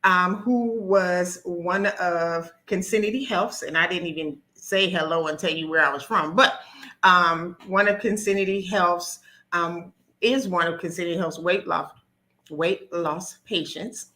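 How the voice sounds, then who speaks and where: A woman's voice: fairly low pitch, unhurried, sharp tone. A woman nurse practitioner hosting a live stream, nervous and talkative, with frequent ums and restarts.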